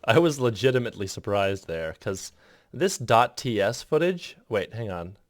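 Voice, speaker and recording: Lively, dry-sounding man narrating an edit. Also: lowish voice, moderate pace, no room sound. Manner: rambling, self-interrupting, chuckling asides. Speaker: video editor explaining his process. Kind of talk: casual voice-over tutorial.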